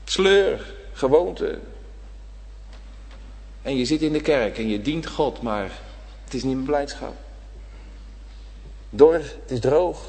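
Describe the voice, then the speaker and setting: A man preaching a sermon to his congregation, swinging between loud emphatic lines and hushed ones. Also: medium pitch, lively intonation, takes it slowly, pauses often, husky. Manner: addresses the congregation directly. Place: church. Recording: reverberant church hall.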